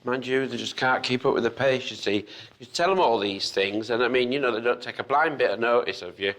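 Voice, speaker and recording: A man's voice: medium pitch, fairly quick, a bit bright. A man with a Yorkshire accent, a chatty and fussy tour guide talking to the camera. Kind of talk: casual chat to camera.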